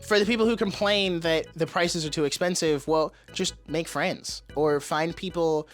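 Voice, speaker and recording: A man giving casual, excited commentary in his own video, chatty with playfully sarcastic asides, still getting over an illness. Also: a little high, normal speed, faint music behind. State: recovering from illness. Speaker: YouTube creator.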